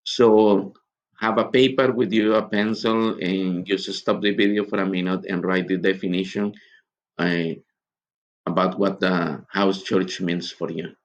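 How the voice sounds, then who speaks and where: A missionary from Guatemala gives a recorded teaching talk at a conference. He speaks in a low, flat voice, earnest and halting, with many pauses.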